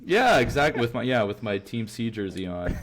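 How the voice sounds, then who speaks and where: A man's voice: mid-range voice, big pitch swings, a little fast, background noise. A young man co-hosting a podcast, telling a story in a rambling, casual way full of filler words and restarts. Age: young adult. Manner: rambling, heavy on filler words and self-corrections. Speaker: podcast co-host.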